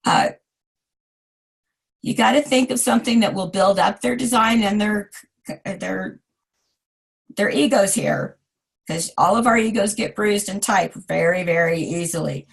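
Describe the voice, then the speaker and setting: Hoarse woman in her forties, design instructor, gravelly, husky, chatty lecture. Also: mid-range voice, measured pace, long pauses. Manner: chatty, self-deprecating asides. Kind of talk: recorded online lecture.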